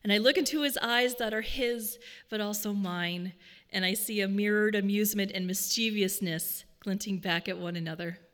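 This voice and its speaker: A woman gives an earnest, measured talk, weaving personal stories into her points. Her voice is bright and forceful. A long reverb trails behind her, as in a large hall. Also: mid-range voice. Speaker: speaker.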